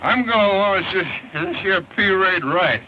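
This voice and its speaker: An actor playing a flustered, folksy ranch hand in an early 1930s western talkie, with an American accent and a stammering, halting delivery. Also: male voice, sits high, sharp tone. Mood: flustered, proud. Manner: stammering, halting, repeats himself. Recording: noisy 1930s film soundtrack.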